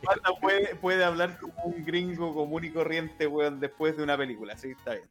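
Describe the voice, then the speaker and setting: A man's voice: on the high side, normal speed, fairly bright tone, soft background music. A man with a Chilean accent, a podcast co-host, explaining points and steering the casual chat back on track.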